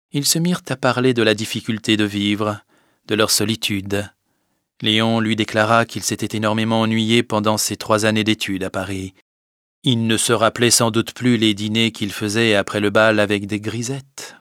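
A man narrating a classic novel as an audiobook, measured and expressive, dropping softer on the speech tags. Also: fairly low pitch, clean tone, dry recording, clean studio sound.

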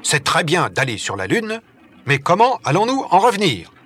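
A man voicing a hot-tempered male captain in a storybook reading, speaking in sharp, shouted demands. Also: fairly high pitch, huge pitch swings, moderate pace, a little hiss or hum, voice pushed up. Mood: agitated.

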